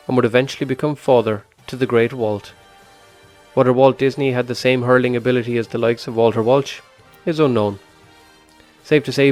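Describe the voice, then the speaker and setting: A man's voice: mid-range voice, a little mellow. An Irish man reading a scripted introduction as the host of a show. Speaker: podcast host. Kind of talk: scripted narration.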